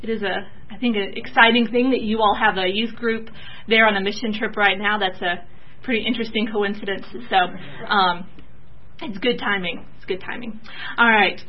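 A soft-spoken young woman from Georgia, giving a church talk about her mission teaching and pausing often with fillers. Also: mid-range voice, steady tone, highs cut off, slight background noise.

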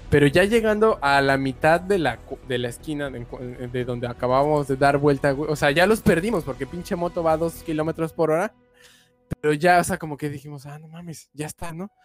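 Man, Mexican accent, young adult, streamer, animated slangy storytelling, slightly high pitch, faint music behind. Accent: Mexican Spanish. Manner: slangy, animated, says "güey" constantly. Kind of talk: casual storytelling.

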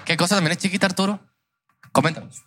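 Young guy cracking crude jokes on a podcast, talks fast, highish voice. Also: steady tone, bright, forceful tone, slight background noise. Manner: crude joking, acts out voices of adults. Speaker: podcast co-host. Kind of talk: casual podcast banter.

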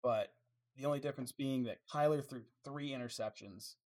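Man, podcast co-host, casual football chat, opinionated, steady middle pitch. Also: brisk. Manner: opinionated, runs through lists of players.

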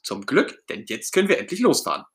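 A man's voice: on the high side, big pitch swings, a little fast, a bit bright, pitched above the performer's own voice. A man voicing Ernie, a cheerful, eager male puppet friend, in a storybook read-aloud.

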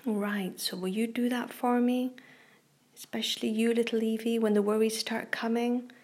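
On a children's relaxation show, the female host softly reads a guided meditation, half-whispering with a breathy quality. The delivery is slow and calming, pitched a little high with little movement.

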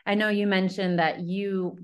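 A woman who works as a love coach appears as an interview guest in a casual conversation. Her medium-pitched voice is flat and a little slow, yet she talks earnestly and enthusiastically, tending to ramble.

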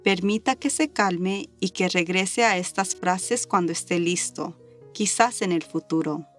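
Slow-paced woman guiding a meditation. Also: lowish voice, soft background music. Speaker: guided meditation instructor. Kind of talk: scripted talk and guided meditation.

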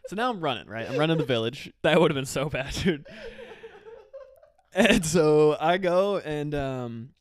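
A man co-hosting a casual podcast, spinning a rambling, profane story. His voice sits a bit high and swings widely in pitch. The sound is dry and close. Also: expressive, unhurried, no echo. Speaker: podcast co-host.

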